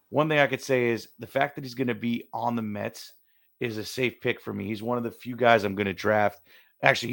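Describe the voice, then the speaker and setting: Gravelly laid-back man on a podcast. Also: fairly low pitch, a bit bright. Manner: laid-back, counts off reasons. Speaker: podcast co-host. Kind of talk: casual sports podcast talk.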